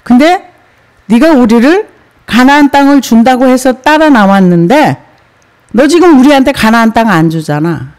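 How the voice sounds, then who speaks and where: Woman putting on a grumbling accuser, whiny, resentful, voice jumping higher, in a sermon. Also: animated, moderate pace, a little mellow, lightly acted. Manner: whiny accusing rhetorical questions. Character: resentful grumbling Israelite complainer, adult.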